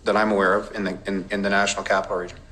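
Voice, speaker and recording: A man's voice: fairly low pitch, little pitch movement, sharp tone, low-quality recording. A man, a police intelligence officer giving careful, precise formal testimony under cross-examination. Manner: measured, precise, careful wording with legal references.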